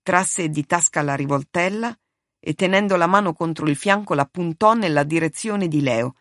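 Woman narrating an audiobook, lowish voice, dry close sound. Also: dry recording. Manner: steady, measured storytelling. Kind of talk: audiobook reading of a novel.

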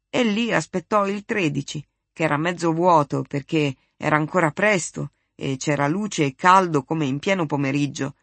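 An audiobook narrator reading a literary novel in a steady, measured storytelling voice. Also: medium pitch, vocal fry, no echo.

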